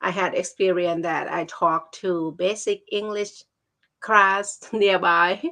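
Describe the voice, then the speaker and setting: Woman, Thai accent, native Thai speaker, slow pace, lowish pitch, halting casual storytelling. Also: flat delivery, sharp tone. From Thailand. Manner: halting, searching for words.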